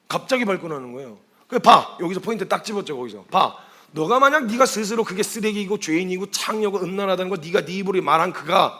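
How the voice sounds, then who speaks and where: A male missionary preaching at a quick clip with a high, bright, forceful voice. He tells stories and throws out rhetorical questions, slipping into quoted speech along the way. The delivery stays animated throughout. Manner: storytelling, asks rhetorical questions. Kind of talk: sermon.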